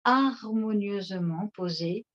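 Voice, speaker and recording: Slow soothing woman guiding relaxation. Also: medium pitch. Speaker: relaxation guide. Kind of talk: guided seated relaxation session. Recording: dull lo-fi recording.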